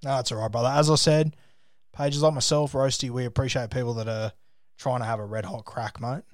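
Casual Australian bloke, matey mentor type, loose and sweary, recorded dry. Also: male voice, mid-range voice, steady tone, a little fast, no echo. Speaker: social media sports page creator giving advice. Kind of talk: casual phone chat.

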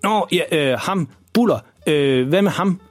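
A clumsy, overconfident dad, as a male storyteller plays him, speaking a little higher than his narrating voice and stumbling with fillers. The tone is slightly husky and dry, close to the mic. Faint music plays under this children's audio story. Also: lively intonation, no room sound. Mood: flustered. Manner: cheerful, hesitant, full of "øh".

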